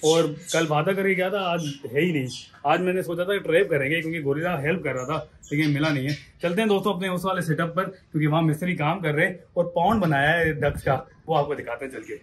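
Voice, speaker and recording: A man's voice: on the high side, quick pace, breathy edge. A man hosting a pet vlog, chatting casually outdoors with viewers and friends. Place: outdoor animal setup.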